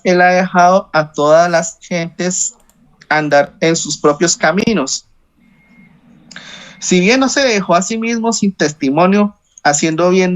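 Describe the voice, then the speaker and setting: A man reading scripture aloud in a Bible study over a video call, slow and halting, with slips he corrects. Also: fairly high pitch, low-quality recording.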